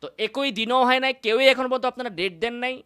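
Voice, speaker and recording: A man preaches in a combative monologue from indoors. His voice is bright and cutting, and he keeps firing scornful rhetorical questions at his rivals. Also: very high-pitched, fast talker, clean tone. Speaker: Islamic preacher.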